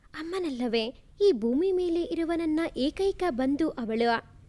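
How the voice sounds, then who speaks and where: A woman reading an emotional first-person family story aloud in a soft, feeling way. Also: high-pitched.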